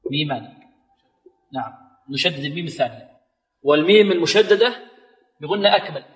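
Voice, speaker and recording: A man with a high voice leads a recitation lesson, posing questions to his listeners and then answering them himself. He stretches words out slowly and repeats them so they can be imitated. The recording rings with the long reverb of a large hall. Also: fairly bright tone. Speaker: Quran recitation teacher.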